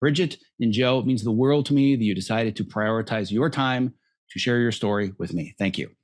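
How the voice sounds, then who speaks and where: A man hosting an interview podcast, giving an effusive, lively introduction of his guests. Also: medium pitch, brisk. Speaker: podcast host.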